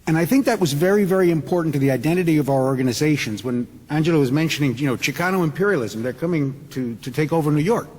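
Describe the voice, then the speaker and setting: A man from Puerto Rico speaking earnestly on a symposium panel, halting and restarting his sentences. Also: fairly high pitch, darkish tone. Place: conference hall. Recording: long reverb of a large hall.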